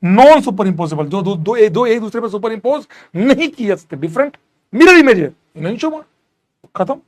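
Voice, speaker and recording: A man's voice: high voice, animated, normal speed, mellow. A man lecturing a chemistry class, repeating questions and quizzing his students, mixing terms into his speech. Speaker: chemistry teacher.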